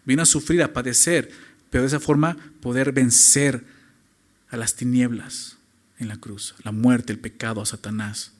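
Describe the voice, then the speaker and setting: A man preaching a sermon as pastor, stressing points with rhetorical questions and moving between loud emphasis and quiet low phrases. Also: fairly even intonation, normal speed.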